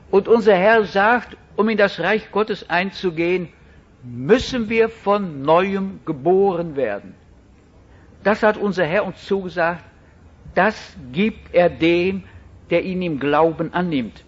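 A male preacher delivers a sermon with slow, deliberate emphasis, letting his points land one by one. His voice sits high for a man and has a husky edge. The recording is muffled and lo-fi. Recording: dull lo-fi recording.

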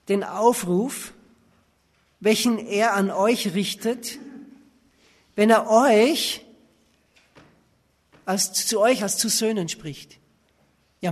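Preacher in a reverberant hall. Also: male voice, high voice. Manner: emphatic, asks rhetorical questions; reads verses aloud. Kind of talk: sermon.

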